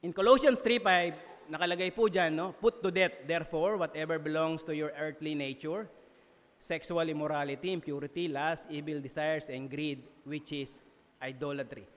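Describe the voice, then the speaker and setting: A Filipino man preaching a sermon in a church, lively and joking, laughing at himself and often checking in with his listeners. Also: fairly high pitch, moderate pace. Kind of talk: sermon mixing Tagalog and English. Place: church hall. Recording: long reverb of a church hall.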